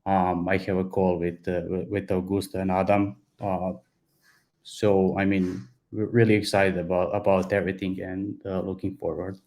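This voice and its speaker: A man with a Serbian accent introduces himself on a video call. His voice sits very low and stays almost completely flat. His delivery is halting, with repeated words and restarts. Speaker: software developer introducing himself. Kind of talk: online meeting self-introduction.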